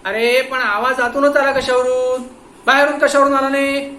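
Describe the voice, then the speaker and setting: A man voicing a stern, angry police inspector who fires forceful questions at a suspect. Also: very high voice, a little fast, reverberant, slight background noise, voice pushed up.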